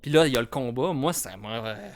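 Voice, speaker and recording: A man's voice: medium pitch, animated, a little fast, crowd noise. A young man with a Quebec French accent, co-hosting a casual film podcast, hesitant and restarting his sentences often. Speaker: podcast co-host.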